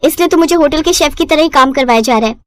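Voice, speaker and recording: In a cartoon storybook, a cheeky young bride quips and complains in a high, bright voice, as a woman puts her on. Her sarcasm stays playful. The sound is close and dry. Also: dry recording, natural voice. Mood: sarcastic. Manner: quick-witted, sarcastic quips.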